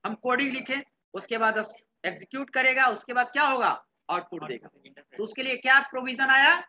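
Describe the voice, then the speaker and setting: A man teaching a class, his voice bright and forward. He keeps firing questions at the students and echoing their replies. The recording is dull and lo-fi. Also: very high-pitched, brisk. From Bihar, India. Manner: quizzes students and repeats their answers; mixes English terms into Hindi. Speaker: computer science teacher. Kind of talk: classroom lecture.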